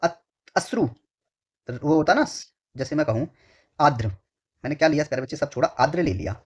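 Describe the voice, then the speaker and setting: A man's voice: on the high side, brisk, breathy edge. A male exam tutor giving a lesson. He asks questions and answers them himself, repeats phrases several times, and keeps addressing his students affectionately. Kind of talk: online exam-prep lesson. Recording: dull lo-fi recording.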